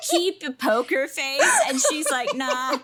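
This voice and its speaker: A woman podcast co-host with a high voice that swings around animatedly. She takes her time as she chats casually, amused and giggly as she tells her stories. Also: sing-song, a little slow, over a noisy crowd. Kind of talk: casual chat.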